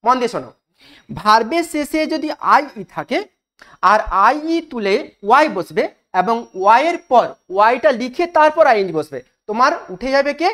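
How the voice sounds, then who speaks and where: A woman teaching an English grammar lesson in style, asking her students questions and repeating each rule slowly for emphasis. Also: a little high, sing-song, a bit bright.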